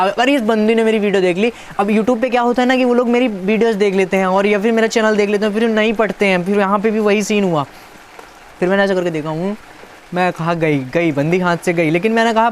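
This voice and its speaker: A YouTuber with a high male voice casually reads chat lines aloud, tossing in playful, teasing comments. There's slight background noise.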